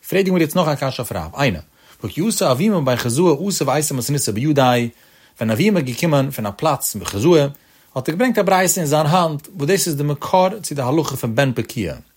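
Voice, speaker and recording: A man's voice: on the high side, lively intonation, fairly quick, slightly rough. A man giving a Talmud study lecture, with a sing-song cadence that rises and drops on each phrase. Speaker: Talmud teacher.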